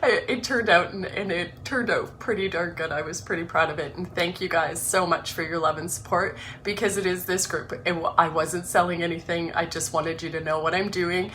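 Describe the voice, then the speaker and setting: A woman's voice: fairly low pitch, fairly even intonation, normal speed, few pauses, fairly bright tone, a little hiss or hum. A woman hosting an online livestream, reading her own book aloud and then chatting, effusive and emotional. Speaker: host of an online group livestream. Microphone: webcam or phone livestream.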